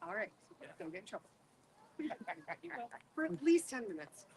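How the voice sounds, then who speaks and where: A woman's voice: a little high, big pitch swings, moderate pace, a little mellow. A woman presiding over a reenactment court, making informal spoken remarks to a gathering. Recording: clear background noise, live event ambience.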